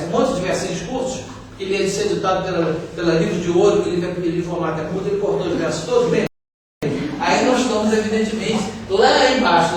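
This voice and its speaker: A middle-aged man with a Brazilian Portuguese accent giving a university lecture, explaining patiently and often tagging his points with little questions. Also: sits high. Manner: explanatory, frequent tag questions. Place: lecture hall. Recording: very echoey hall, distant mic, faint hiss.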